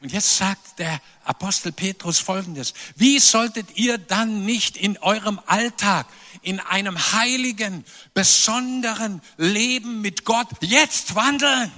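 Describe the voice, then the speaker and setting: A man preaching a sermon, animated and emphatic, with playful asides to the congregation. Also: sits high, slow pace. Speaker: pastor. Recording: long reverb of a large hall.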